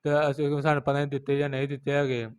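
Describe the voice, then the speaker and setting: Fast-talking Punjabi-accented man, flat delivery. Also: medium pitch, clean tone, dry recording. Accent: Pakistani Punjabi. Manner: recounts events, quoting others in repetitive phrases. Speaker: interviewee, rickshaw driver. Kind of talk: street interview.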